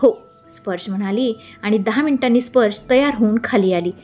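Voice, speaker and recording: A woman reads a romance story aloud in a calm, steady voice, with a medium pitch that sits in the middle of the range. Faint music plays softly behind her. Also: brisk. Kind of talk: scripted story narration. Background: faint background music.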